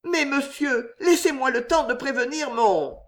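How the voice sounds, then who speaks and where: A reader voicing a frightened young woman who pleads in a halting, breathless way. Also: sits high, pitched above the performer's own voice. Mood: distressed.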